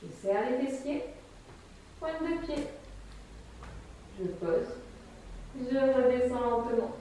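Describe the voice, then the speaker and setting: A woman in her thirties cues a guided chair exercise session calmly and step by step as she demonstrates, her high voice moving slowly. The bright, empty wooden-floored room makes the audio echoey, since a distant camera mic is used, and there's slight background noise.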